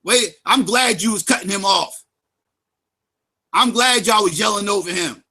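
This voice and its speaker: A man's voice: high-pitched, a little slow, bright, forceful tone, husky. A man giving angry, profane, sarcastic commentary on a livestream.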